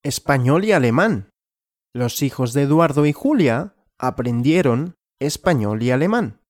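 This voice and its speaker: A male language teacher telling a simple story, asking and answering his own questions slowly and clearly. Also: medium pitch, animated, darkish tone, no room sound, clean studio sound.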